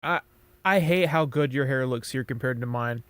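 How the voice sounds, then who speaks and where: A man's voice: medium pitch, moderate pace, a bit bright. A man streaming, chatting casually and rambling as he reacts to videos, swearing a lot.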